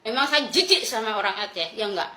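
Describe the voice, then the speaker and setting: A woman's voice: fairly high pitch, expressive, fast talker, sharp tone, reverberant. A woman from Indonesia in an angry livestream rant, brash and mocking, who swears freely and laughs scornfully.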